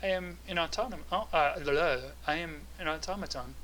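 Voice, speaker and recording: A man's voice: on the high side, fairly quick, bright, forceful tone. A man voicing a formal, polite male automaton in a tabletop game. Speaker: game master.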